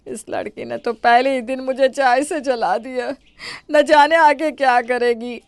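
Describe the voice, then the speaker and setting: A woman's voice: high-pitched, steady tone, measured pace, clear, resonant tone, no echo. A wailing, scheming mother-in-law. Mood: annoyed. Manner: theatrical wailing and complaining. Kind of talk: animated story voice acting.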